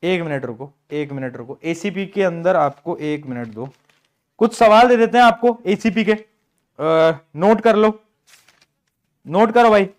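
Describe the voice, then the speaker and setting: A high-pitched male teacher running a live online class. He talks in a chatty, repetitive way, mixing English words into his sentences. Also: a little slow. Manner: chatty, repeats phrases, mixes English into Hindi.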